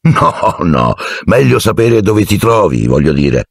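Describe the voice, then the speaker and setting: A man's voice: sits low, very animated, slow, creaky, breathy edge, dry recording, clean studio sound, pitched above the performer's own voice, heavily acted. A man voicing a fussy, jovial middle-aged minister who talks to a boy in a genial, patronizing and evasive way.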